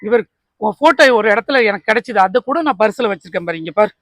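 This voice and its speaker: A man's voice: high voice, lively intonation, fast talker, fairly bright tone, no room sound, studio quality. An actor playing a desperate elderly man who cries and keeps pleading with a young woman to marry him, in a comedy skit. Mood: begging. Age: older. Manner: pleading, repeats please over and over. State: crying.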